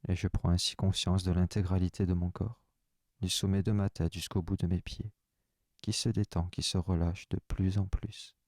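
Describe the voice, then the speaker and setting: A man leading a guided relaxation session, giving calm, soft, unhurried instructions in the first person. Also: deep voice, dry recording, studio quality.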